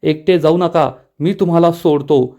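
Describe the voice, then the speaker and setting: A man's voice: on the high side, measured pace, mellow. A man reading the lines of a hot-tempered young son who is defending his father. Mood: angry.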